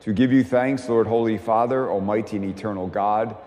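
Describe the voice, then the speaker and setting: A priest leading Mass aloud in a slow, solemn and measured way, his voice ringing in a cathedral echo. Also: on the low side, steady tone, darkish tone. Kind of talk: chanted liturgical prayer at Mass. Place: large church. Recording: long cathedral echo, faint background noise.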